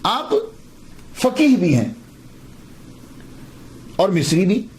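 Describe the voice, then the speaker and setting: A man's voice: high-pitched, very animated, darkish tone, a little hiss or hum. A man giving a patient, explanatory religious lecture, repeating words to stress how they are said.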